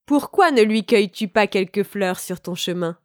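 A woman voicing a sly, cunning male wolf in a storybook reading, with a slow, drawn-out crooning delivery. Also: mid-range voice, lively intonation, dry recording, clean studio sound, lightly acted. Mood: coaxing.

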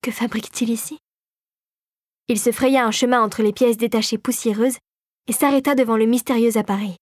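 A woman calmly narrating a storybook in a measured reading voice. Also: fairly high pitch, no echo, clean studio sound.

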